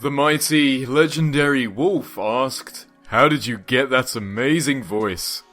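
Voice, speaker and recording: A man's voice: medium pitch, slow, a bit bright, faint music behind. A man in his twenties hosting a gaming channel, answering viewer questions in an upbeat, casual vlog voice-over with joking asides. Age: 20s. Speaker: YouTube gaming channel host.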